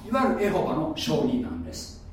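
With a fairly high, hugely varying pitch and a slightly quick delivery, a pastor teaches through his sermon and quizzes the audience. He sounds far away in an echoey room, with a little hiss or hum.

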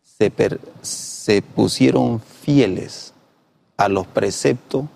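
Gravelly, mellow-voiced man reading scripture. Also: lowish voice, extremely slow. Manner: reads verses with rising emphasis, plain conversational asides. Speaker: Bible study discussion partner. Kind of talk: reading scripture aloud in a lesson discussion.

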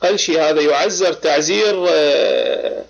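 A man's voice: on the high side, wildly swooping pitch, moderate pace, gravelly, husky. A man from Baghdad with an Iraqi accent, hosting a live religious debate chat while he has a cold, talking emphatically with many short affirmations. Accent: Iraqi Arabic, Baghdad. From Iraq. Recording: lo-fi online voice chat.

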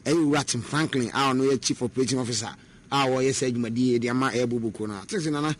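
A man's voice: mid-range voice, racing. A man talking football as a pundit, mixing Twi and English with many hesitation fillers. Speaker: sports pundit. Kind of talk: radio sports discussion.

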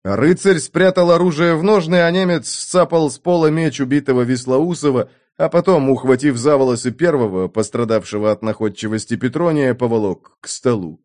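A man reading an adventure novel aloud in a mid-pitched voice, with lively, dramatic delivery of the action scenes. Expressive audiobook narration. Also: brisk, few pauses.

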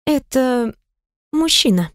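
A shy, weary young heroine from an audiobook, speaking in a fairly high voice, as a woman narrator reads her. The recording is close and dry. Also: animated, slow, dry recording. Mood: weary, embarrassed. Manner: weary, embarrassed, soft. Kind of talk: audiobook character reading.

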